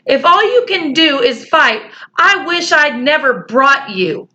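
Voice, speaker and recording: A woman voicing an earnest, anxious young boy who speaks urgently and a little higher than her own voice. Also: sing-song, slow, sharp tone, muffled recording, heavily acted. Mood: scolding.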